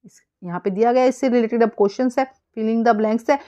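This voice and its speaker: An Indian woman teaching an exam-prep lesson, explaining casually and reading English passages slowly and haltingly. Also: a little high, fairly even intonation, mellow, muffled recording.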